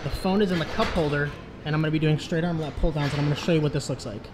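A young adult man, a fitness video creator, talks very fast in a slightly high voice while making a casual how-to vlog in a big indoor gym. He's chatty and walks through each step for a camera set close by on a tripod. Heavy background noise fills the recording.

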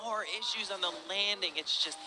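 A man's voice: sits high, fairly quick, background noise. A man giving live sports color commentary as an expert analyst, breaking down technique with enthusiasm.

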